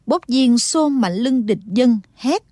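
A woman narrating a martial-arts novel in a steady, dramatic storytelling tone. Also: fairly high pitch, takes it slowly, dry recording, clean studio sound. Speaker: audiobook narrator.

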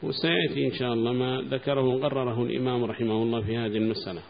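Gravelly male teacher explaining a classical text. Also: mid-range voice, steady tone, racing. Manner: explains patiently, repeats key terms, quizzes students. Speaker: teacher of Quranic law. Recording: gravelly lo-fi recording with faint hum.

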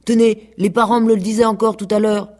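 A woman's voice: medium pitch, level tone, a little fast, darkish tone, voice pushed up, lightly acted. A woman voicing a naive, self-satisfied fat pig in a radio play. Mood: smug, naive. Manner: guileless and smug.

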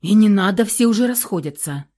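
A woman voicing a worried, loving man in an audiobook, who talks urgently and then low and hoarse. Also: animated, fairly quick, warm tone, lightly acted. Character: anxious loving lover, grown man, urgent. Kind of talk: audiobook character reading.

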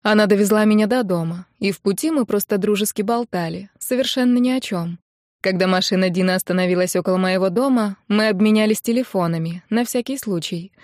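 A woman narrating a first-person novel in an even storytelling delivery as an audiobook narrator. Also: medium pitch, a little fast, no echo, clean studio sound.

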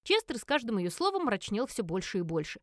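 A woman reading a first-person audiobook in an expressive storytelling manner, close to the mic. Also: mid-range voice, a little fast, no echo. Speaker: narrator.

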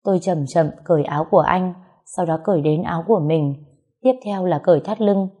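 Woman, story narrator, low mellow voice, steady first-person narration. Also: fairly quick, slightly rough.

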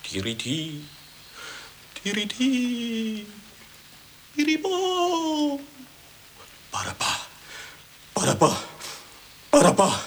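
An unhappy poet with no talent in a comic radio play. His theatrical delivery is unhurried and leaps widely in pitch. A light hiss sits on the recording. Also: huge pitch swings, fairly bright tone, heavily acted. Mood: theatrical declaiming. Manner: declaims nonsense syllables with rising theatrical pitch. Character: unhappy, untalented male poet reciting nonsense verse.

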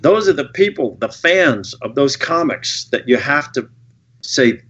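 Man telling animated stories, swears freely, podcast interview, dull lo-fi sound. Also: medium pitch, a little slow, breathy edge. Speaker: film director guest.

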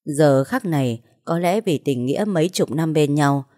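Woman narrator for a first-person audio story: low, warm voice, earnest and emotional delivery. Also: animated, normal speed.

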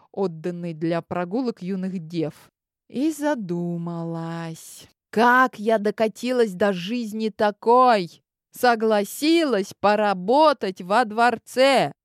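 A woman's voice: fairly high pitch, no echo. Woman narrating an audiobook, dry sound. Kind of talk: expressive scripted first-person narration.

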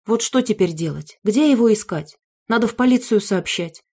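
A panicked mother in an audiobook, shrieking and scolding in a high, strained voice, as a woman reader puts her on. She fires off accusations and questions without pause. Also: lively intonation, mellow, slightly rough. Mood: frantic. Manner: shrill and scolding. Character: frantic shouting mother, woman.

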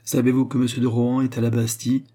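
Storybook queen, stern and scornful, voiced by a man with a husky tone. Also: medium pitch, level tone, fast, warm tone, voice pushed up, natural voice. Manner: cold, cutting interrogation. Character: stern haughty queen, contemptuous and commanding. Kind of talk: audiobook reading.

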